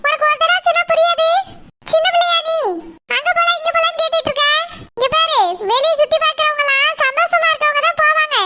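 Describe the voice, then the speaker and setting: A short-tempered young cartoon husband who snaps and scolds, voiced by an actor in a very high register. Quick, dismissive delivery over loud background hiss. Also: little pitch movement. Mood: scornful. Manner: curt, scolding. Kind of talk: cartoon voice acting.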